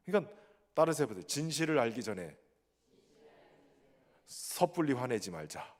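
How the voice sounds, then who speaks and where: A male pastor from Chungcheong, South Korea, with a Chungcheong Korean accent, preaching a sermon in a lively, conversational way with touches of humor. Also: mid-range voice, normal speed, big-room sound. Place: church sanctuary.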